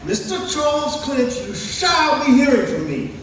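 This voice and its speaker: Guy as pompous outraged solicitor dad in stage farce, very high swooping voice, echoey hall. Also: sing-song, normal speed, a bit bright, exaggerated voice. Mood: indignant. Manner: pompous, declamatory. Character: pompous, indignant solicitor and father. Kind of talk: farcical stage comedy acting. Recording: echoey hall, distant mic, faint noise.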